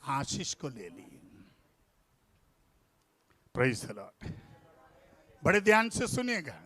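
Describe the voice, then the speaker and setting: A man's voice: a little high, huge pitch swings, slow pace, fairly bright tone, slightly rough, dry recording. A man from India preaching a fervent sermon in church, calling on the congregation to repeat phrases back to him and dropping "Praise the Lord" between his points. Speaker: pastor.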